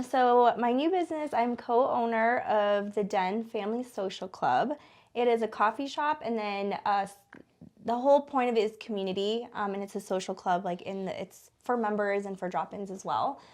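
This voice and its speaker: Speaking at a moderate pace in a mid-range voice, this small business co-owner is a guest on an interview in a small studio. She's an American woman in her thirties, born in the Philippines and raised in Denver from eight, and she chats informally with plenty of fillers like "like."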